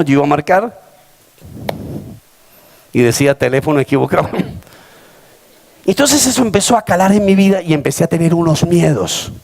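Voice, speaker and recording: A man's voice: fairly high pitch, creaky, darkish tone. A Colombian man in his fifties, a pastor preaching a sermon to his congregation, with dramatic preaching and calls to the church. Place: church service before a congregation.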